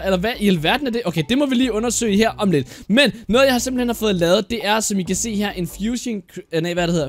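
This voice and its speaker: A man giving casual gameplay commentary for his channel, chatty and excitable, often trailing off into fillers and restarts. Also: high voice. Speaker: YouTuber.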